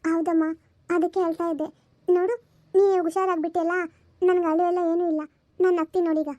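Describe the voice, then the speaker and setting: A woman voices a weary young mother who coaxes and reassures her child, in a high and level voice. This is a homemade family drama recorded dry and close. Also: flat delivery, brisk, dry recording, highs cut off. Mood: soothing. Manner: soft and coaxing. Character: young mother, burdened, soothing and protective.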